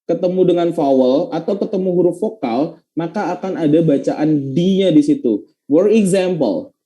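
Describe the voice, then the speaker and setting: A young man teaching English pronunciation in an online class, patiently repeating example phrases slowly and dropping English phrases into his explanations. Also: fairly high pitch, lively intonation, mellow, poor audio.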